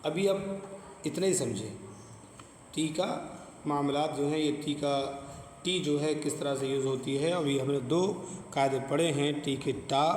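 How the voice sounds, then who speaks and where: A man's voice: a little high, darkish tone. A man with a Pakistani Urdu accent teaching an English pronunciation lesson, speaking patiently, repeating words and asking questions. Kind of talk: classroom lesson explaining pronunciation rules. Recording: echoey room with long reverb, faint ambient noise.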